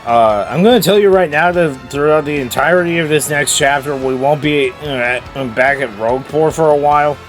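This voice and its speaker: A man giving casual gameplay commentary in a halting, hesitant way. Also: a little high, soft background music. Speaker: video game playthrough host.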